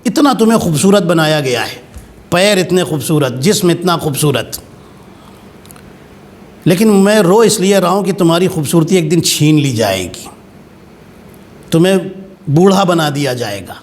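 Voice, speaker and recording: A man's voice: a little high, lively intonation, pauses often, darkish tone, natural voice. A man preacher voicing a deceitful male devil who pleads with false tears. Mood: wheedling. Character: deceitful male devil feigning tearful piety.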